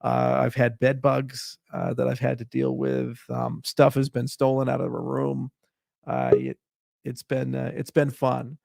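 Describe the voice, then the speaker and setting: A man's voice: mid-range voice, fairly even intonation, measured pace, creaky, a little mellow, no echo, studio quality. A middle-aged man hosting a casual livestream Q&A, telling a long anecdote with many fillers and restarts. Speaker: livestream host answering viewer questions.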